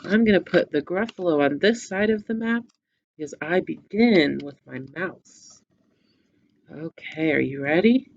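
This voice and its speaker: Slow, low-voiced woman teacher. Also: animated, gravelly, highs cut off. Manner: gentle step-by-step instructions. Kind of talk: craft lesson and story read-aloud for children.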